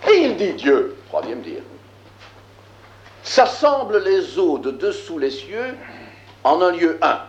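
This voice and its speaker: A man teaching a lesson, reading scripture aloud and explaining it, slow and emphatic, with frequent filler words. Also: a little high, wildly swooping pitch, echoey room, lo-fi sound. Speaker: Bible teacher.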